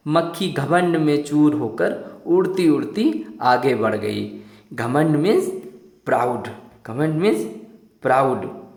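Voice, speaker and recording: A man's voice: fairly high pitch, expressive, slow pace, creaky, a little mellow. A male teacher reading a story aloud to young children, repeating questions and explaining new words. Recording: roomy echo.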